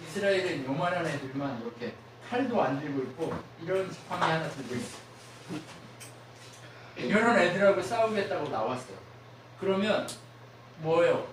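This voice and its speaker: A man preaches with a high, lively voice, quizzing the congregation and acting out the words of people he quotes. The sound is distant, and it echoes heavily around a church hall. Steady noise sits underneath. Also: moderate pace, long pauses. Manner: asks the congregation frequent questions, acts out quoted voices. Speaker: pastor. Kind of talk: sermon. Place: church sanctuary.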